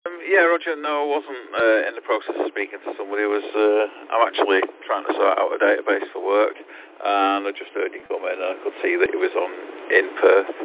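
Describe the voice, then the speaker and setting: A gravelly, low-voiced man with a Manchester accent, chatting over amateur radio. He slips procedure words into relaxed talk. His voice comes through a thin, phone-like radio link with clear static. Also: a little fast. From Manchester, England. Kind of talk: casual radio chat.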